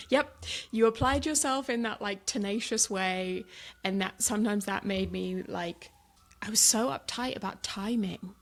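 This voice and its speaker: A woman in her thirties from the south of England, with a southern English accent, chatting as a guest in a casual interview, self-deprecating and quick to laugh. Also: medium pitch. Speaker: guest, supper club founder.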